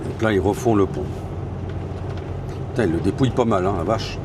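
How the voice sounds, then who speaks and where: Chatty French trucker, road noise. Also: male voice, lowish voice, moderate pace. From France. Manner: chatty, swears casually, talks to viewers. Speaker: truck driver vlogger. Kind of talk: casual vlog while driving. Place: inside a truck cab on the road. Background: engine and road noise.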